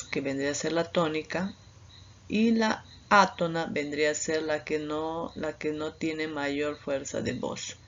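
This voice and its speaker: A woman with a Peruvian Spanish accent explains grammar from slides, slowly and deliberately, with a low voice. She leans on fillers as she works through each point. The recording is dull and lo-fi with a faint hiss underneath. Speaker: teacher. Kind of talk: slow online lecture with slides.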